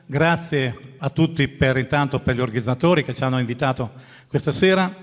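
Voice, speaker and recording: A man's voice: medium pitch, a little fast. A man greets and thanks the organizers and audience in a formal, courteous tone from a theatre stage. A long reverb hangs behind his words. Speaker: invited speaker.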